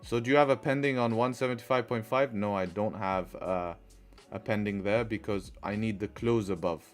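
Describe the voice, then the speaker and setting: This trading livestream host has a lowish voice and a moderate pace, with soft music in the background. His accent is mixed and sounds partly Arabic, and he talks through charts and replies to chat, leaning on repeated rhetorical questions.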